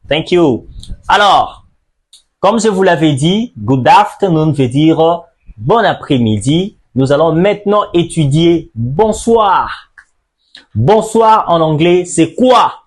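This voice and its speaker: Slow, high-voiced male language teacher. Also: breathy edge. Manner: slow, drawn-out repetition drills with emphatic stress. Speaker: English teacher. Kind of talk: classroom-style language lesson.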